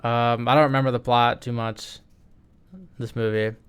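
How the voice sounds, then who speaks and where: A young man ranks movies into tiers for a video, talking casually in a rambling, slangy way and often cutting himself off. His mid-range voice stays level at a moderate pace, and the tone is clean.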